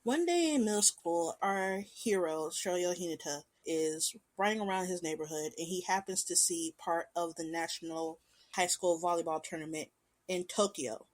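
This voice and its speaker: A woman hosting a casual show, talking about an anime in an animated, chatty way with lively swings in pitch and loudness. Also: moderate pace. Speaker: podcast host.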